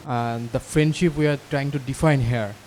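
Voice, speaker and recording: A man in the audience asks the panel a question, stopping and restarting often. He speaks in a flat, even tone. A faint hiss sits under the recording. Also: medium pitch, rough recording. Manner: halting, flat delivery. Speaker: audience member asking a question.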